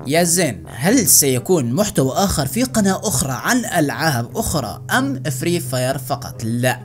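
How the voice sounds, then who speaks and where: A young man with a Jordanian Arabic accent, a gaming YouTuber answering fan questions in casual, joking chat. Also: fairly high pitch. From Jordan, Iraqi family. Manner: excitable, joking, chatty. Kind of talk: casual Q&A with fans.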